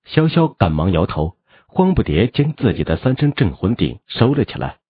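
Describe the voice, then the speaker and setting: Low, husky male audiobook narrator. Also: normal speed, no echo, phone-quality sound. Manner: animated storytelling. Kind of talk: expressive novel narration.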